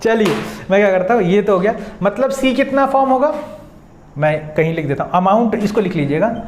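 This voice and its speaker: A man on his teaches a chemistry lesson step by step, often asking his students questions and slowing down to dictate as he writes. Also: sits high, lively intonation, roomy sound. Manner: dictates slowly while writing. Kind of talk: whiteboard lesson.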